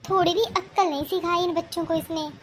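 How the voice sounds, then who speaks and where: A woman voicing an older, sharp-tongued but fair mother-in-law in a cartoon, scolding and lecturing. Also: extremely high pitch, fairly even intonation, fairly quick, slight background noise. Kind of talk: cartoon voice acting.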